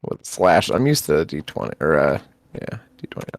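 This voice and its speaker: A man's voice: very deep voice, sing-song, moderate pace, gravelly, no room sound. A man playing a tabletop game, asking loose, rambling questions in casual chat. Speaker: player.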